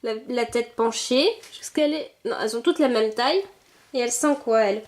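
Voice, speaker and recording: A woman's voice: fairly high pitch, a little fast. A young woman chatting casually as she opens and sniffs collectible figurines, thinking aloud with little exclamations. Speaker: vlogger unboxing collectible figurines. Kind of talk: casual unboxing commentary.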